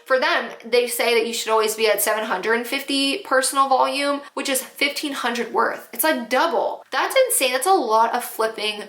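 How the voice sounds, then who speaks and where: A woman's voice: fairly high pitch, moderate pace, hardly any pauses, fairly bright tone, echoey room. A young adult woman hosting her own channel, chatting casually and curiously as she browses a website and reads viewer stories, swearing now and then. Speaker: YouTuber reading viewer stories.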